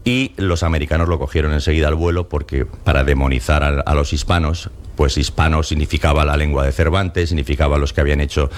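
A man, an author being interviewed, explaining history in a lively, storytelling way and acting out the voices of the people he quotes. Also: very deep voice, fast, few pauses. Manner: frequent restarts and fillers. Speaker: author guest. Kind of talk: conversational interview.

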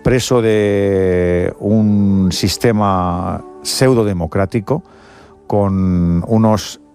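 Faint music plays behind a man hosting live sports radio in a Castilian Spanish accent. Leaning low in pitch and a little mellow, he draws out his words, delivering interview and commentary emphatically while repeating himself as he hunts for the right phrase.

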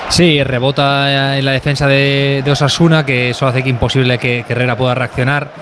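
Fast, even-toned Spanish male football pundit. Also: mid-range voice. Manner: hesitant, broken-up phrasing. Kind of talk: live match analysis. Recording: loud outdoor stadium noise.

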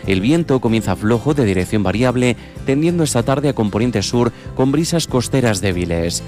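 A man reading a weather forecast on the radio in a steady, measured way. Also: mid-range voice, faint music behind. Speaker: weather presenter.

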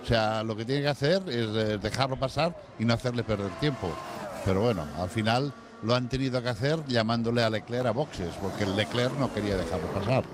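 A man's voice: mid-range voice, a little fast, background noise. A man co-commentating live on a motor race as an expert, in short, repeated remarks.

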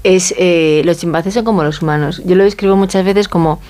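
A Galician woman with a Spanish accent from Spain speaks as an expert guest in an interview, explaining things informally and conversationally. Her voice is fairly low, steady and dark, her pace a little fast, and she keeps seeking agreement with little tag questions.

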